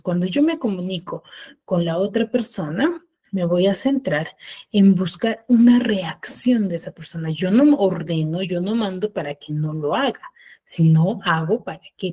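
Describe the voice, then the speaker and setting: A woman teacher giving an online class, explaining step by step and often checking with quick tag questions. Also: lowish voice, animated, warm tone, breathy edge. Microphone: video call.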